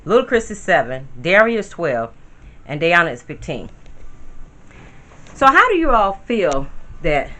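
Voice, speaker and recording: Very animated and a little slow, this fifty-something grandmother pauses often, her lowish voice bright and forceful. She vlogs from home in a chatty, rambling manner, talking straight to her viewers.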